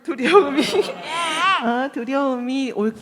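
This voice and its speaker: A woman's voice: high voice, lively intonation, takes it slowly, big-room sound, crowd noise. A woman in her thirties telling a personal testimony to a congregation, acting out the voices in her story and laughing often. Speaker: church member giving testimony. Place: church sanctuary.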